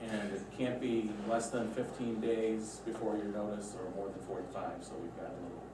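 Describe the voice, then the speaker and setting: A man's voice: lowish voice, flat delivery, moderate pace. Echoey, distant man explaining procedure. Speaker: legal adviser at a township board meeting. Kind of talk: formal meeting discussion. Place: indoor meeting room. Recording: echoey meeting room, distant mic, background noise.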